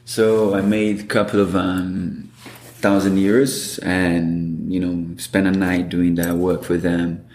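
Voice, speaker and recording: A man's voice: low voice, takes it slowly, echoey room. A man with a Brazilian Portuguese accent, telling stories as an interview guest and acting out quoted dialogue. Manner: animated storyteller, acts out quoted dialogue. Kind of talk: storytelling interview.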